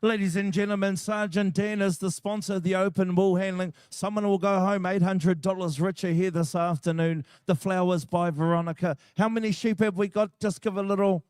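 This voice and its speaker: A male announcer with a New Zealand accent runs a live competition. His voice is high and smooth with a dry sound, and he gives directions in a practical, informal way. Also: fairly even intonation, a little fast, hardly any pauses, a little mellow, dry recording.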